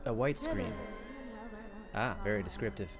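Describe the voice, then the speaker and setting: A man's voice: fairly low pitch, wildly swooping pitch, unhurried. A man hosting a let's play with casual gameplay commentary and wry, joking asides. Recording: game music behind the voice. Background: game music.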